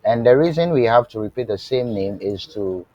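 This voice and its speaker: In a muffled recording with no echo, a man with a medium-pitched, expressive, darkish voice leads a live online coding lesson in web development. He is slow and deliberate, stumbling through fillers and restarts, and keeps asking "what?" so students can supply the answer while he checks they're keeping up. Being a remote class, his voice sometimes fades.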